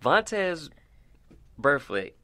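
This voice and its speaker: A man's voice: fairly high pitch, very animated, extremely slow, sharp tone, no room sound. A man co-hosting a casual sports talk show, playful and laughing often.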